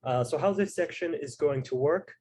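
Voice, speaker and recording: A man hosts a panel discussion over a video call. He explains things at a measured pace, often pausing with fillers as he introduces each guest. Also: on the high side, warm tone. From Tuareg heritage. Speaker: host and moderator.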